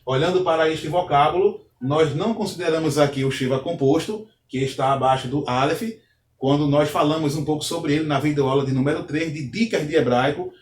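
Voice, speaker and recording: Man, patient teacher who explains step by step, slightly high voice, recorded from a distance in an echoey room. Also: a little fast. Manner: methodical, repeats points, checks in with "ok?". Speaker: Hebrew teacher. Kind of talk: online grammar lesson.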